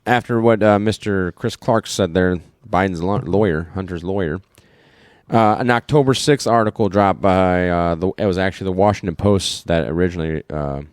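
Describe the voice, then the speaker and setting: A man's voice: low-pitched, moderate pace, smooth, dry recording, studio quality. A man with a Midwestern American accent co-hosting a casual political podcast, rambling and reading news articles aloud with many fillers. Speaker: podcast co-host.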